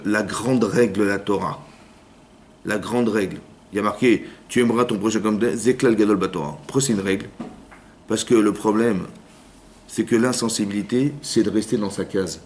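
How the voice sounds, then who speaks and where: A man, a rabbi, giving a Torah lesson in a lively way, acting out little inner dialogues and often checking that his listeners have understood. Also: lowish voice, fairly quick, a little hiss or hum. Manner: lively, acts out inner voices, keeps asking "vous avez compris?". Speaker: rabbi teaching a class.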